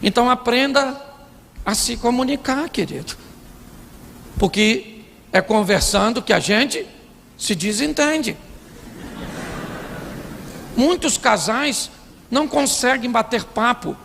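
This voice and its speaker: A man's voice: extremely high pitch, lively intonation, takes it slowly, gravelly, long pauses, a bit bright, slight background noise. A man with a Brazilian Portuguese accent preaching a comic, stand-up style sermon to a live audience, acting out voices and quizzing the crowd. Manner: playful, acts out quoted voices; asks the audience sim ou não. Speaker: pastor. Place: church hall before an audience. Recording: live hall reverb, faint audience.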